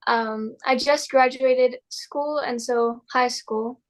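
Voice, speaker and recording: Teen girl guest, high voice, talks slow, kinda hesitant with lots of ums. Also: steady tone, rough recording. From Hong Kong. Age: teens. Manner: easygoing, hesitant, many "um"s. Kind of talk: interview answers.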